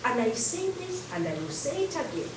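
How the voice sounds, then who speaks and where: A woman's voice: very high-pitched, big pitch swings, moderate pace. A woman from Kenya, an educator and activist, giving an earnest public talk with frequent fillers. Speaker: guest speaker, educator and activist. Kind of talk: public talk to a community audience. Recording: echoey hall, distant mic, background noise.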